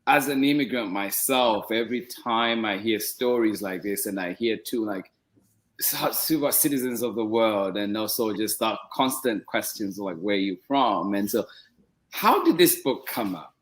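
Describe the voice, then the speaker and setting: A man's voice: lowish voice, animated, unhurried. Man hosting a casual story-time chat. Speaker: host.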